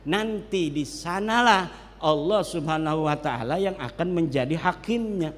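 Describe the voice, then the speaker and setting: A man with a Bantenese accent giving an animated religious lecture, switching into regional dialects as he talks. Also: fairly high pitch, measured pace. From Indonesia. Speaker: preacher. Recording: long hall reverb.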